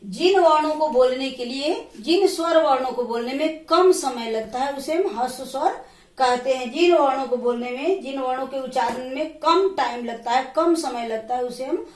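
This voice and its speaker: A woman teacher giving a slow grammar lesson, repeating and counting points aloud. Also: high-pitched, distant mic. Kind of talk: classroom lesson. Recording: echoey room, voice from off the mic.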